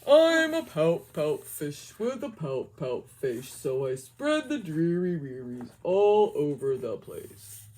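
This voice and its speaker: A woman voicing a gloomy, pouty male fish in a picture book read-aloud, in a slow, dreary sing-song. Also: deep voice, very animated, a little mellow, voice pushed down, exaggerated voice. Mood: glum.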